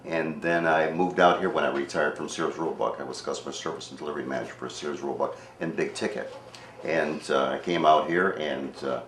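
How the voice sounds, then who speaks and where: An older retired man from Cleveland, a township trustee talking earnestly and haltingly in a casual radio interview. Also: rumbling low, fairly even intonation, a bit bright. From Cleveland, Ohio, USA. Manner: earnest, halting, repeats words. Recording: echoey room with faint noise.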